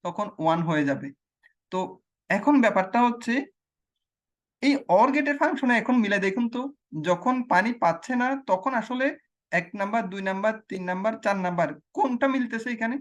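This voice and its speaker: A man's voice: sits high, lively intonation, a little fast. Male tutor; patient self-quizzing explainer who restates every point. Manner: asks questions and answers them himself, repeats key phrases. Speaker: teacher. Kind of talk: explaining logic gates on a screen demo.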